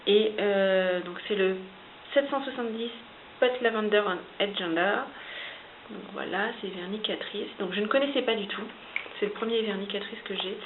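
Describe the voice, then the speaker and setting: A woman's voice: mid-range voice, normal speed. A French woman reviewing makeup in a chatty, hesitant way. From France. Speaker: beauty vlogger. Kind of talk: casual product review. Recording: hissy lo-fi home video, phone-like.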